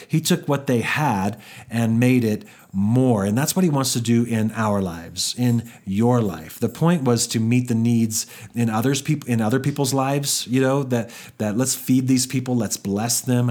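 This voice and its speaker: A man's voice: fairly low pitch, darkish tone. A man teaching a Bible passage in a casual, conversational way, often restarting his sentences. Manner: conversational, with frequent restarts and fillers.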